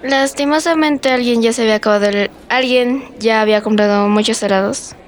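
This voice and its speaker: Woman doing a sarcastic know-it-all schoolgirl, highish voice, amateur drama. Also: a little fast, lightly acted. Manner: sarcastic, retorting. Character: sharp-tongued clever schoolgirl Montserrat. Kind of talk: amateur role-play drama.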